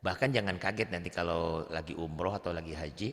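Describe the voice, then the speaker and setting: A man with an Indonesian accent teaches Quran reading one-on-one, patiently explaining recitation rules and then chanting verses in a high voice to demonstrate. He talks fast with fairly even intonation, and the recording has a long reverb tail.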